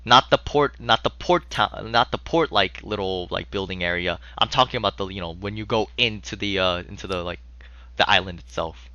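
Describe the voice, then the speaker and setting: A man improvising tabletop game narration as game master, casual, halting and sweary. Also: low voice, bright, forceful tone, dry recording, dull audio.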